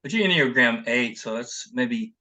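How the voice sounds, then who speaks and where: Bright sounding guy, middle pitch, calm podcast storytelling, says uh now and then. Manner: measured, storytelling, occasional uh. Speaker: podcast co-host. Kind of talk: casual panel chat.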